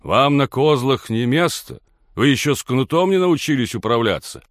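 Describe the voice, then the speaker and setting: A man voicing a burly village blacksmith who shouts a warning at a passing gentleman in an audiobook reading. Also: mid-range voice, lively intonation, moderate pace, no echo, studio quality, pitched above the performer's own voice, close to an everyday voice. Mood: defiant. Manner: loud, challenging shouts.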